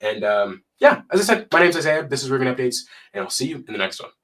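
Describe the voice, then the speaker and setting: A young adult man with a stuffy, cold-blocked voice hosts a casual live stream, reading numbers aloud and tossing in chatty asides. His mid-range voice is sing-song, fast, and a bit bright.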